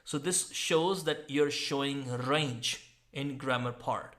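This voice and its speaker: A man with an Indian English accent teaching English exam skills, slowly explaining words and repeating points. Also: mid-range voice, a bit bright. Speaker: IELTS teacher. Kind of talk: explaining an exam model answer.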